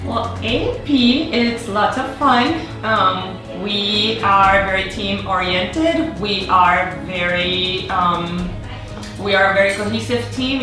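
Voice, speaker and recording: A middle-aged woman, a therapist and co-owner, answering interview questions in an upbeat way with frequent ums. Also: medium pitch. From Puerto Rico. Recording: echoey room, distant mic, music behind.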